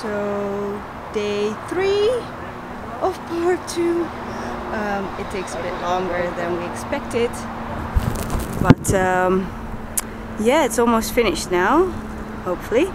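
A woman vlogging casually about her sailboat project, relaxed and hesitant with fillers. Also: medium pitch, slow, pauses often, heavy background noise. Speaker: sailing vlogger. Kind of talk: casual vlog narration.

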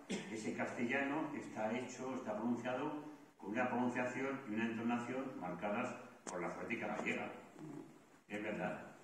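A man's voice: fairly low pitch, distant mic, a little hiss or hum. A man from giving a lecture at a book presentation, explaining points and answering his own rhetorical questions. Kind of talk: lecture-style public talk. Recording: very echoey hall recorded from afar.

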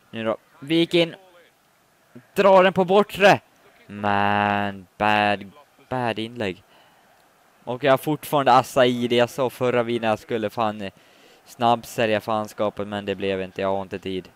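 A man giving live commentary on his own football video game match, muttering complaints and then shouting when a goal goes in. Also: mid-range voice, clean tone. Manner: swings from muttering to shouting at goals. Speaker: gaming commentator.

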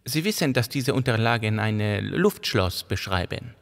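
A man voicing a calm, sharp-minded woman investigator in an audiobook, asking questions in a measured way. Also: lowish voice, vocal fry, long reverb tail. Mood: cool.

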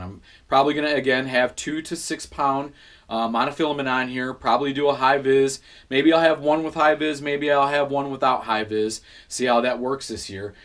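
A man in his thirties talks casually to the camera in a small room at home, picked up by a camera mic a few feet away. His voice sits at an ordinary middle pitch. He walks through his gear in an easygoing way, with plenty of ums and quick self-corrections. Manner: relaxed, many fillers and self-corrections. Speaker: fishing channel host.

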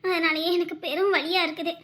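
A woman's voice: extremely high pitch, steady tone, a little fast, a bit bright. A woman playing a complaining, scheming middle-aged mother-in-law in a family drama. She has a Tamil Nadu accent and moans as she talks. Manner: whiny, moaning complaints.

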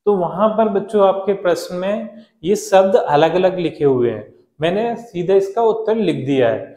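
A male teacher patiently explaining a lesson to children, repeating key words and spelling them out slowly. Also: high voice, expressive, mellow, roomy sound, dull audio.

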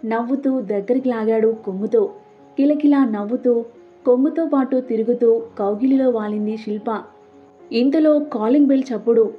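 Storytelling woman with soft music behind. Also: a little high, moderate pace. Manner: reads all parts herself with soft dialogue. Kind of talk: audiobook story narration. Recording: dull lo-fi with soft background music.

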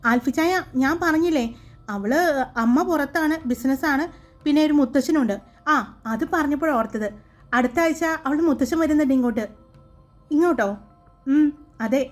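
A woman voicing a lively, chatty young woman who talks in an animated, teasing way. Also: sits high, moderate pace, long pauses, soft background music, lightly acted. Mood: explaining.

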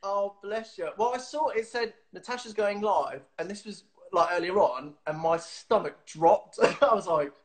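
Speaking at a moderate pace with hardly any pauses, this high-voiced host in his thirties runs a relaxed webcam interview from a small home room, giggling, chatting, and often using fillers and restarting.

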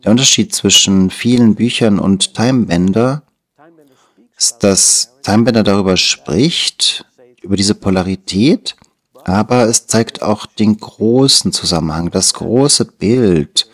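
A Dutch man in his sixties, from the Netherlands, appears as an interview guest in a small studio, speaking German as a non-native so his Dutch accent shows. His very low, deep voice tells his story reflectively and conversationally, thoughtful and unhurried, and he gestures while talking close to a lapel mic.

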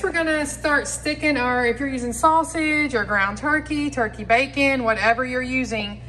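The voice is fairly high and sharp-toned: a home cooking channel host giving casual, step-by-step instructions to her viewers from her kitchen. The audio is poor, with a little hiss or hum.

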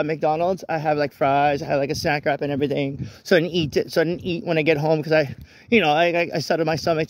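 A young man with a high-pitched voice talks into a handheld phone as he walks along a rainy street at night. He rambles, circling back with restarts and corrections. The sound is dry and close, with no room echo. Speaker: vlogger. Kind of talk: casual walk-and-talk vlog. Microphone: phone camera held while walking.

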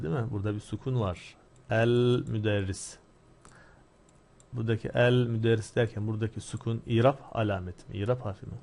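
A man teaching an Arabic grammar lesson, explaining step by step and asking and answering his own questions. He reads Arabic phrases slowly, then explains them quickly. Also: medium pitch, darkish tone.

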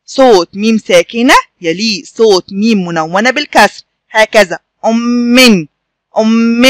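A man with an Egyptian Arabic accent leads a children's reading lesson. His voice sits high and sounds clear and bright, recorded close and dry. He stretches the syllables slowly and repeats each word so the pupils can say it after him. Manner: slow drawn-out syllables, repeats words for pupils to echo. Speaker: teacher.

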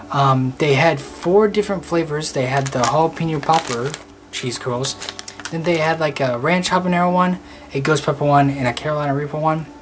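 A man in his twenties chatting casually to camera as a snack reviewer, recorded at a desk in a small room. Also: on the high side. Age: 20s. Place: small bedroom, indoors.

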